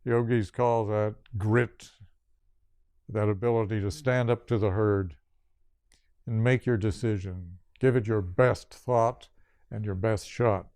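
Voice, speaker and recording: An older man giving a spiritual yoga talk, speaking slowly and deliberately in short listed phrases. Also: fairly low pitch, steady tone, a little mellow, no echo, studio quality. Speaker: yoga teacher.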